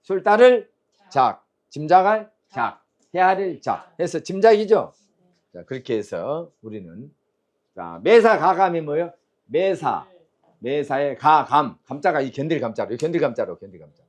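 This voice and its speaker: A man's voice: on the high side, sing-song, moderate pace. A man teaching Chinese characters and tones, quizzing his students and drilling sounds aloud in a call-and-response lecture.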